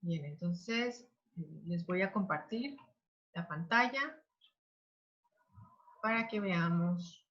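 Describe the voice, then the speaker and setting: A woman teacher giving an online class, talking slowly with many pauses and fillers. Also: fairly low pitch, lively intonation, fairly bright tone, dull audio. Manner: slow, hesitant with many fillers.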